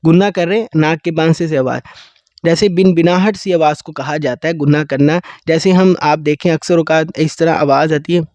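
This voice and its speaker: A man teaching Quran recitation rules in a lesson, explaining quickly and then chanting verses slowly and melodically. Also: a little high, fairly even intonation, darkish tone, dry recording. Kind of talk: tajweed lesson.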